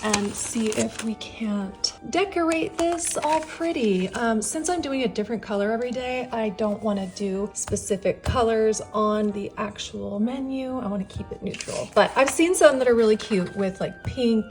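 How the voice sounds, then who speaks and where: A woman's voice: a little high, darkish tone, soft background music. A young woman with a Minnesotan accent chatting casually in a crafting vlog, bubbly and talkative, rattling off lists of ideas. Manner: bubbly, chatty, lists items in quick succession. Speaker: lifestyle vlogger.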